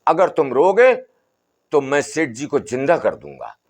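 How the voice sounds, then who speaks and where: A man's voice: medium pitch, huge pitch swings, measured pace, heavily acted. A man voicing a stern, wily old holy man who keeps repeating his commands. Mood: insistent.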